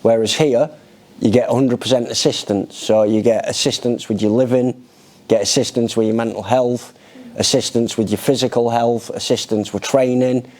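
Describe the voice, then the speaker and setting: A middle-aged British man speaks in an interview. His voice is mellow and unforced, at a medium pitch. He tells his own story in plain, conversational speech. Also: fairly even intonation, normal speed. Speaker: charity resident being interviewed. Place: indoor lounge, seated in an armchair.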